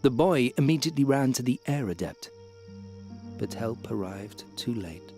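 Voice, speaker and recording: An actor playing a grave, sentimental old male storyteller who tells a tale in a solemn, measured way. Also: mid-range voice, expressive, darkish tone, soft background music, lightly acted. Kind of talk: game voice acting.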